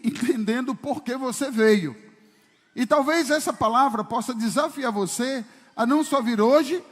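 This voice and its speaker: With a very high-pitched, slightly bright voice, a man delivers a forceful sermon as pastor, posing rhetorical question after question to his congregation. The long reverb of the church service hall surrounds his words.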